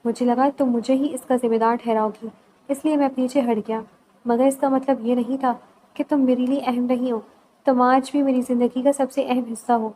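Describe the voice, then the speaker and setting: A woman reads a storybook romance aloud in her own high, natural voice, voicing an earnest young husband who pleads gently in a soft-spoken, reassuring way. Her delivery stays calm and even, though the audio is poor with slight background noise.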